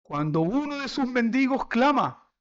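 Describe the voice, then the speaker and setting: A man's voice: very high-pitched, big pitch swings, unhurried, muffled recording. A Chilean man preaching a sermon as pastor, pressing the congregation with repeated rhetorical questions.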